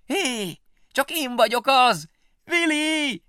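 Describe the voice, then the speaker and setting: A man's voice: on the low side, no echo, clean studio sound. A man voicing a young, eager little male mouse with wings in a storybook reading. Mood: pleading. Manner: excited, then pleading and insistent.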